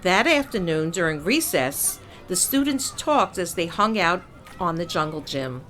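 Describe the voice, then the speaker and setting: A woman reading a children's picture book aloud as a narrator, in a measured storytelling style with clear emphasis. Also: lowish voice, sing-song, a bit bright, faint music behind.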